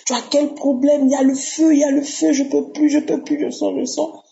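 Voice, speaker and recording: A woman voicing a spirit of anger being driven out, crying out in a loud, strained, gruff voice and repeating herself frantically, on a muffled lo-fi recording. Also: high voice, level tone, fairly quick, faint music behind, voice pushed up. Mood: frantic.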